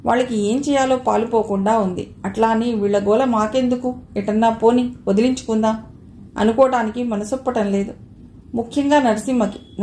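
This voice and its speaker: Mellow woman narrating a novel, roomy sound. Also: a little high. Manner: steady storytelling. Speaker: audiobook narrator. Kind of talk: reading a novel aloud. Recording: roomy echo, faint noise.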